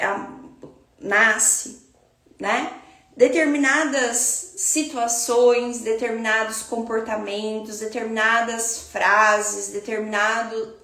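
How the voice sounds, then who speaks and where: A woman's voice: on the high side, fairly bright tone, reverberant. A woman with a Brazilian Portuguese accent giving a spiritual self-help talk as a teacher, speaking reflectively and addressing the listener directly.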